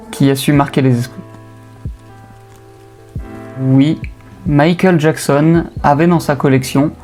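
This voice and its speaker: Over a faint lofi music bed, a young French car-channel host chats about cars in a slangy, joking voice-over, hesitating with fillers. His voice is mid-range, gravelly and somewhat dark in tone.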